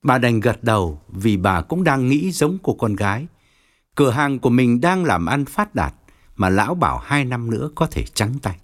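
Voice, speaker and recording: A male storyteller narrates an audiobook with a wry edge, keeping the tale moving through expressive narration. His pitch is mid-range, yet his delivery is highly animated and swings widely, at a moderate pace.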